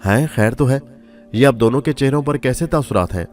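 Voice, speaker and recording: A man putting on a gentle, worried mother. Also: mid-range voice, a little fast, faint music behind, close to an everyday voice. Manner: gentle, worried, soft-spoken. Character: kindly middle-aged mother, lady of the house.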